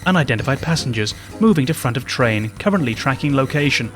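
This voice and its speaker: A man's voice: medium pitch, expressive, fast talker, soft background music, lightly acted. Man reading as a train announcer. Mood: formal. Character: male train PA announcer, formal and flat.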